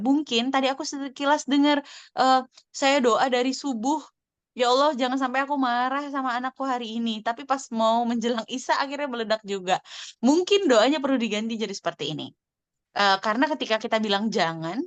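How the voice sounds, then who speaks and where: A woman in her thirties speaking in a parenting sharing class, explaining calmly and acting out conversations between a mother and her child. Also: a little high, no echo. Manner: warm explanatory, acts out mother and child dialogue. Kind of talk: answering a question in an online sharing class.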